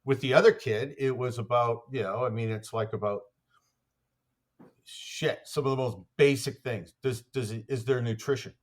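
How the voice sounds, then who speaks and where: A man's voice: mid-range voice, fairly even intonation, moderate pace. A man, an athletics coach, telling stories as a podcast guest in a rambling way, full of fillers and restarts. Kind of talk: casual conversational storytelling.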